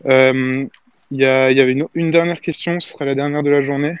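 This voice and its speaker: Man, chat host, casual, halting phrasing, narrow pitch range, lo-fi online call. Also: steady tone, clean tone. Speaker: host of a live audio chat. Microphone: online audio call. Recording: band-limited, dull online audio chat.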